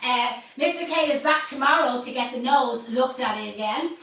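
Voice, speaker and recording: A woman's voice: sits high, normal speed, a bit bright, distant mic, a little hiss or hum. Chatty Irish woman in an echoey room. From Ireland. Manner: chatty and joking, laughs often. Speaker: host. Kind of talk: casual live stream chat.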